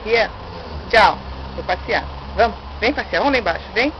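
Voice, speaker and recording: A woman's voice: mid-range voice, animated, normal speed, lo-fi sound. An older woman with a Brazilian accent, a grandmother coaxing a toddler to walk at home with repetitive, sing-song urging. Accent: Brazilian Portuguese. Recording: home video with loud background noise.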